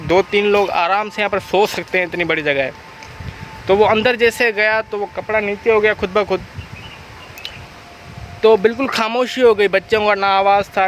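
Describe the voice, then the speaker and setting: Male vlogger, high voice, casual on-location storytelling over clear outdoor noise. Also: a bit bright. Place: windy open village land. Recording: noisy outdoor location sound.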